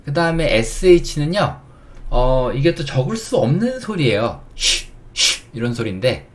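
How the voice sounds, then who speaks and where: A man teaching English phonics, sounding out letters slowly and explaining words with everyday examples. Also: mid-range voice, big pitch swings, a little mellow. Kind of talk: phonics lesson.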